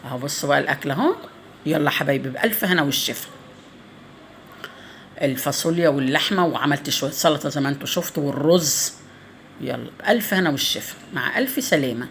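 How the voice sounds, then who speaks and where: Chatty egyptian woman, middle-aged, rattling off a story in her kitchen vlog, lively and quick. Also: low-pitched, a little hiss or hum. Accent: Egyptian Arabic. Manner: fast, lively, swears often by God. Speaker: home cooking vlogger. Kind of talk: casual storytelling while cooking.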